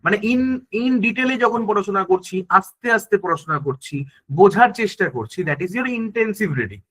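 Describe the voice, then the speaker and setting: Man, high pitch, online class teacher, step-by-step explaining, asks and answers own questions. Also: very animated, moderate pace, fairly bright tone, poor audio. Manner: often checks in with students. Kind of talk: online exam-prep class lecture.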